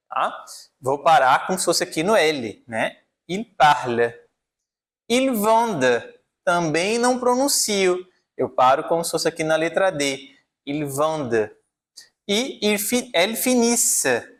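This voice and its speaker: A man's voice: high-pitched, a bit bright. A man teaching French pronunciation in an online lesson, explaining rules patiently and checking in with his viewers often.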